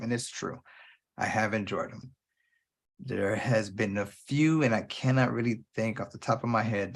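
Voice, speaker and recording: Alone on his own movie podcast, a man rambles off the cuff in a creaky, medium-pitched voice. His delivery is casual and profane, hopping between ideas with no script.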